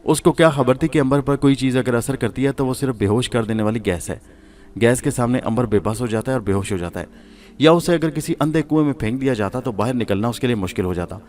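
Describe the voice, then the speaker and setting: A man reading a suspense horror serial aloud as a storyteller, in a steady, measured way. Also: mid-range voice.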